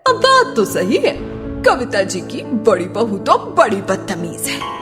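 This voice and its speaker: A woman voicing gossipy, catty neighbourhood housewives who taunt and judge in an animated family story. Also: mid-range voice, unhurried. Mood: disapproving gossip. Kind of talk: Hindi animated moral-story acting. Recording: long reverb, loud background music.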